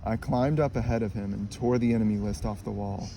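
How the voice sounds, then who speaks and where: A man reading a children's picture book aloud in a calm, even storytelling manner. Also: lowish voice, a little fast, creaky, a little hiss or hum. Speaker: storybook reader.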